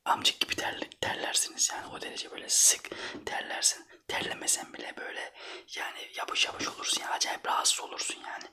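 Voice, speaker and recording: A man from Trabzon in Turkey whispering a casual, rambling ASMR anecdote in breathy, colloquial, foul-mouthed speech. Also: fast talker, pushed and bright. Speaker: ASMR storyteller.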